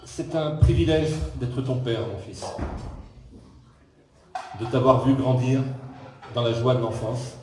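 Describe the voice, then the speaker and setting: A man's voice: mid-range voice, slow pace, long pauses. A middle-aged man giving a speech as father of the groom, reading a formal text with dry jokes about himself. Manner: reads formal text, breaks off for dry self-mocking jokes. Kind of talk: prepared speech with joking asides. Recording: echoey hall, far from the mic, faint noise.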